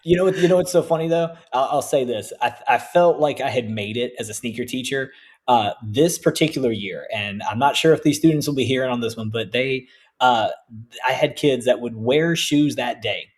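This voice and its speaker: Animated man telling classroom stories. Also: mid-range voice, moderate pace. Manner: animated storytelling, acts out quoted voices. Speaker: podcast co-host, English teacher. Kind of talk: casual podcast chat.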